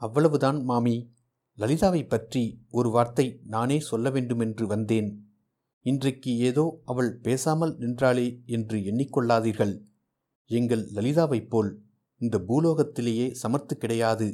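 A man reading aloud voices a quick-witted, outspoken young woman in a storybook. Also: mid-range voice, dark tone, lightly acted. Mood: pleading.

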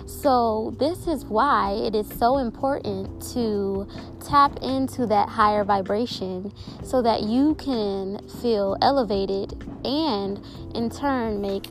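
A woman podcast host giving an encouraging spiritual self-help talk, repeating phrases deliberately for emphasis. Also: mid-range voice. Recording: music behind the voice. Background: clearly audible music.

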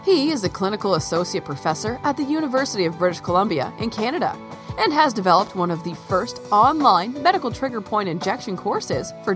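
Lady reading the podcast intro, lively up-and-down voice, music going underneath. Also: medium pitch. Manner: polished promotional read. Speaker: podcast announcer. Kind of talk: scripted intro narration.

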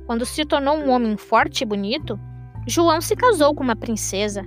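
High-voiced woman reading a fairy tale. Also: soft background music. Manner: expressive, measured reading. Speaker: storyteller. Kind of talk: radio storytelling of a fairy tale.

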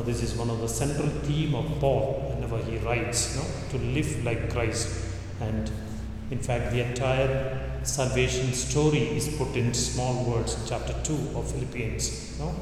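Male priest, solemn and measured, cathedral echo everywhere, faint room hum behind. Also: medium pitch. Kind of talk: gospel reading and homily at Mass. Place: large church. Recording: very echoey church with long reverb.

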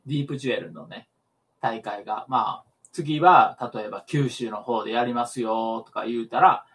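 Kansai man, podcast co-host, animated storyteller, online call audio. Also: medium pitch. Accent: Kansai Japanese. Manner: animated storytelling, acts out shouted corner-man lines. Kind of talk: casual chat.

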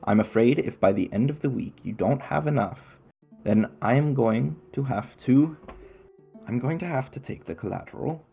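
A man voicing a polite but unyielding debt collector in a tabletop game, speaking in a measured, courteous way. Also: medium pitch, creaky, slightly rough, soft background music. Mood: apologetic firm. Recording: tinny phone-like line.

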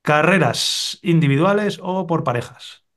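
A man from Spain hosting a casual podcast, leading quick-fire questions in a friendly, joking way. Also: a little high, expressive, fairly bright tone. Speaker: podcast host.

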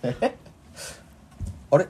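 A man's voice: drawn-out words, mellow. A man co-hosting a casual comedy talk podcast, reacting to his partner's story with blunt, teasing remarks. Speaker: podcast co-host.

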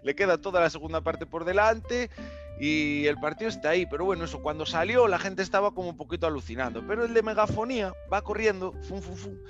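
Man, high voice, animated podcast storyteller; dull lo-fi recording with faint music. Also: fast talker. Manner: animated, slangy, with mouth sound effects. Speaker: podcast host. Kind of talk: casual storytelling.

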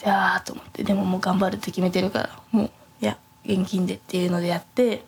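A young woman hosting a podcast, telling a travel story in a soft, quiet voice, rambling with many fillers and self-corrections. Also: fairly low pitch, fairly even intonation, very fast, vocal fry, a little hiss or hum. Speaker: podcast host. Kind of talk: casual storytelling chat.

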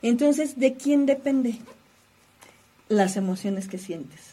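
A woman's voice: fairly high pitch, slow pace, dark tone. A woman talking about emotions in a reflective conversation, asking guiding questions like a teacher.

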